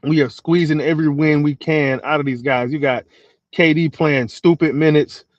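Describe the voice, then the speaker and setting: A man co-hosting a casual sports podcast from Houston, talking in a laid-back, slangy way and often trailing off quietly. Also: on the high side, steady tone, normal speed, dry recording, lo-fi sound. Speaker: podcast co-host.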